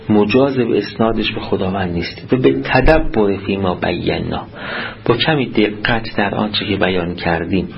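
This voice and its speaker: In a lo-fi recording, a man with a gravelly, lowish voice teaches a seminary class on jurisprudence. He reads Arabic passages aloud, explains them in Persian, and often quizzes his students.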